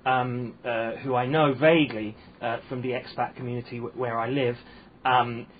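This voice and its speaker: Man, posh English accent, husky, hesitant, rambling podcast chat, dull lo-fi sound. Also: mid-range voice, steady tone, moderate pace. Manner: rambling, hesitant, self-deprecating. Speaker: comedian guest. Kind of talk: casual podcast interview. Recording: muffled lo-fi sound.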